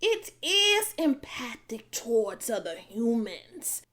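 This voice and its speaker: A gentle, weary old witch, as a woman plays her in a fairy-tale audio drama. She speaks softly in a high, lilting voice that rises and falls widely. Every word comes slow and considered. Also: sing-song, heavily acted. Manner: soft-spoken, slow, lilting.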